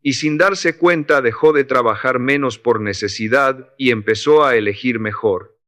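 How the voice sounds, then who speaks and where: A man narrating a motivational story from a script in a steady, unhurried reading style. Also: medium pitch.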